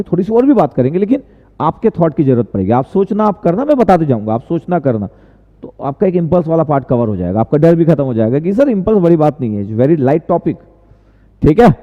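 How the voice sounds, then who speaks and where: A male tutor teaching casually in a live stream, chatty and answering viewers' questions, often repeating himself. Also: fairly high pitch. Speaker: online tutor. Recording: tinny, echoey lo-fi stream audio.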